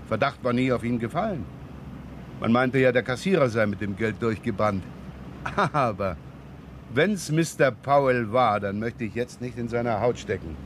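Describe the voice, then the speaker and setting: An actor in a 1970s German radio crime drama playing a seasoned police inspector, brusque and wry. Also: male voice, medium pitch, close to an everyday voice. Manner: brusque questioning, wry chuckles. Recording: noisy radio-drama scene, vehicle sounds.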